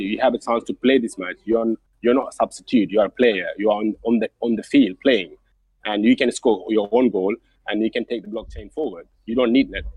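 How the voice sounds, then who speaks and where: A man's voice: on the low side, darkish tone, slightly rough, no echo, poor audio. A man guest in a casual online interview, talking earnestly and encouragingly in simple phrasing over a call.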